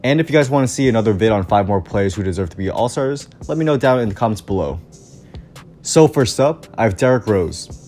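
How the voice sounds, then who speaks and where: Still getting over the flu, with his voice a touch off, a young YouTuber cheerfully reads scripted basketball commentary full of stats. His darkish voice sits on the low side, fairly quick and lively in intonation, with faint music behind.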